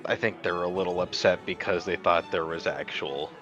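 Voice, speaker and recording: A man playing a tabletop game, talking hesitantly with halting restarts. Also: sits low, a bit bright, highs cut off, soft background music. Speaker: player. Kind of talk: tabletop role-play.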